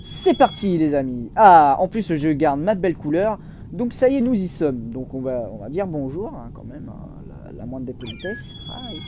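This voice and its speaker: Young let's-play host, mellow tone, swinging pitch, rambling restarts, faint background hiss. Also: male voice, normal speed. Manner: chatty, restarts a lot, excitable bursts. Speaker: gaming YouTuber. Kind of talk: casual let's-play commentary.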